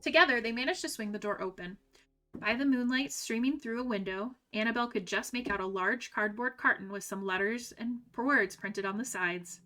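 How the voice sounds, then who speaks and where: A woman storyteller reading a children's book aloud in a gentle, even way. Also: fairly high pitch, normal speed. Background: faint background music.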